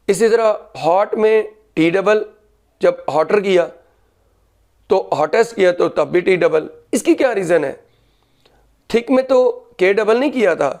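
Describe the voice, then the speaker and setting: A man teaches a grammar class. He explains each point patiently and drops into slow, careful dictation when giving the rules. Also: high voice, a little mellow.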